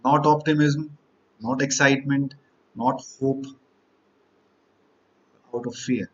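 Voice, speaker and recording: A man's voice: medium pitch, steady tone, slow, fairly bright tone, highs cut off. Man giving a motivational lecture. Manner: rhetorical, piles up repeated questions and lists. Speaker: exam-prep teacher.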